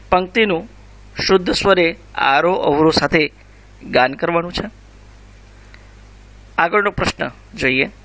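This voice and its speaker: A man, teaching a school revision lesson, reciting and explaining slowly and carefully. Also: on the high side, pushed and bright. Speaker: Sanskrit teacher.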